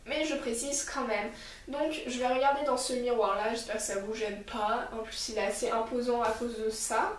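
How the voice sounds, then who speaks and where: A woman's voice: a little high, fairly even intonation, moderate pace, echoey room, a little hiss or hum, rough recording. A woman beauty vlogger reviewing a makeup kit in a rambling, chatty way, talking straight to her viewers. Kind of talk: casual makeup review and tutorial.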